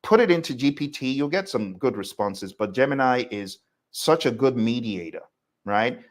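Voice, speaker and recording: An instructor runs a live online lecture that takes audience questions. His medium-pitched voice is expressive and moves at a normal speed, and he talks emphatically and conversationally, speaking straight to his listeners.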